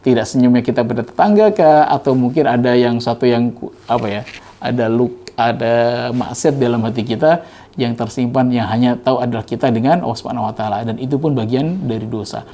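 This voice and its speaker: A man preaching a casual Ramadan religious talk, gentle and conversational, who tells stories to make his points. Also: mid-range voice, brisk, slight background noise.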